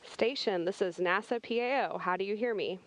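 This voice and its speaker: A woman's voice: mid-range voice, moderate pace, slight background noise. A woman with an American accent, hosting a press event with scripted announcements and introductions. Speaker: press event host at space agency.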